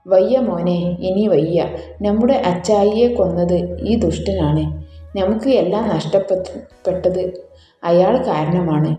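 A woman's voice: lowish voice, dark tone, natural voice. A woman reading the lines of a heartbroken young woman, despairing and tearful. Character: heartbroken young woman, betrayed older sister. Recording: roomy echo, faint music.

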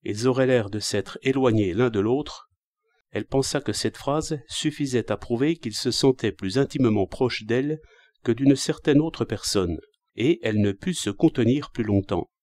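Brief: male audiobook narrator, measured literary reading, mid voice, dead-dry sound. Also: medium pitch, darkish tone, dry recording. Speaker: audiobook reader.

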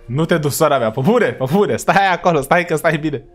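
A young man hosting a reaction video, talking casually in slang and yelling in panic at jump scares. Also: fairly high pitch, lively intonation, faint music behind.

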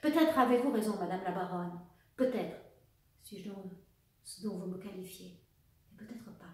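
A woman doing a calm, low-voiced officer. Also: natural voice. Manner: low, measured and restrained. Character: Norwegian officer, a man, tall, calm and controlled. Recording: echoey room, voice far from the mic.

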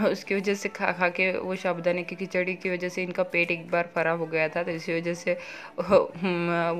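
A woman in her thirties vlogging at home, talking quickly and chattily with many fillers as she cooks and does chores; her first language is Marathi. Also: medium pitch, a bit bright. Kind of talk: casual home vlog, cooking and chores.

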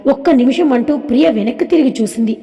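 Woman storyteller, high mellow voice, long hall reverb, scripted serial narration. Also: fast talker, faint music behind.

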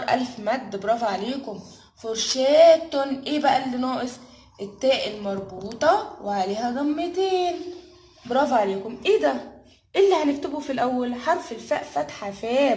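A woman's voice: high-pitched, reverberant. A woman with an Egyptian accent, a kindergarten teacher giving a review lesson, drawing out words in a sing-song way for young children. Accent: Egyptian Arabic.

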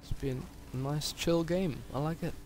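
A man's voice: on the high side, moderate pace, a little mellow, slight background noise. A young man giving casual, rambling commentary over his gameplay, tired and swearing now and then. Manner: swearing, laughing, rambling asides. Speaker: gaming video creator.

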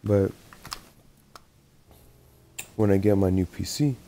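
Chill young dude rambling over his gameplay, lowish mellow voice, laughs a lot. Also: slow, slight background noise. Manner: laid-back, rambling, laughs often. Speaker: gaming YouTuber. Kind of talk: casual gameplay commentary.

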